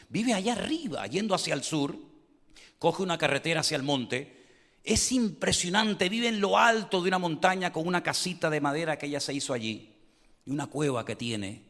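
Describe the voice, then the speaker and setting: A man preaching a sermon as pastor, swinging between loud appeals and hushed prayer. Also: mid-range voice. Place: church hall. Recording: reverberant church hall.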